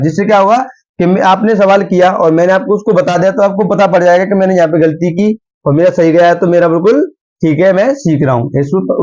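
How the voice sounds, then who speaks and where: On a dull, lo-fi recording, a young male teacher works through a math lesson at the board with patience, repeating steps and asking the class questions. His voice is high-pitched with a darkish tone.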